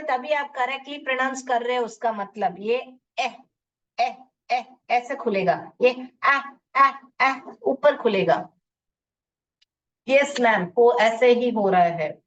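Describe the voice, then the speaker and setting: A woman teaching phonics in a live online class, sounding out letters one by one and mixing Hindi explanations with English words. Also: sits high. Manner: drills sounds slowly, letter by letter. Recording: dull distant lo-fi audio.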